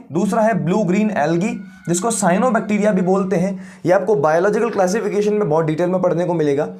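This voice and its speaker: A man teaching biology. He asks the class questions, answers them himself and repeats the key terms slowly. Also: high voice, a little mellow. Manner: mixes English science terms into Hindi. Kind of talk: classroom lecture.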